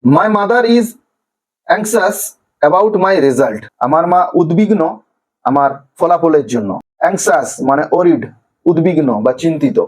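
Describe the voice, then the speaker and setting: A man from Bengal with a notably high voice, walking young pupils through vocabulary. He stretches each word out slowly, syllable by syllable, like a patient classroom teacher. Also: lively intonation, rough recording. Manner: slow, drawn-out pronunciation of each word by syllables. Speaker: primary school English teacher. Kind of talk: classroom lesson explaining vocabulary.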